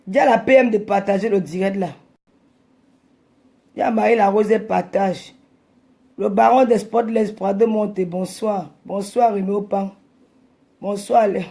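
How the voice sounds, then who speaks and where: A woman hosting a live stream, ranting and scolding her rivals combatively, sometimes shouting. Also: mid-range voice, fairly even intonation, unhurried, gravelly, pauses often.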